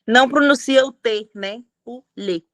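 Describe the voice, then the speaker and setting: A woman whose first language is Portuguese, a student in an online class, trying out a French sentence slowly and carefully. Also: high-pitched, a bit bright.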